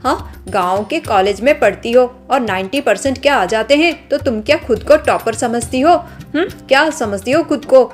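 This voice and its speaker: A woman's voice: fairly high pitch, moderate pace, hardly any pauses, natural voice. A woman doing a spoiled, sneering young woman. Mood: haughty scolding. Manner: scornful, scolding, sneering. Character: arrogant spoiled young woman, rich daughter.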